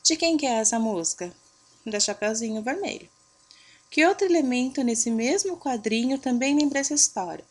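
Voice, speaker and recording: Young adult female primary teacher, fairly high voice, patient, drags out stressed syllables for the kids. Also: expressive, normal speed. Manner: stretches out stressed syllables to show them; patient, checks in with "tá?" and "ok?". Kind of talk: going over homework answers for children.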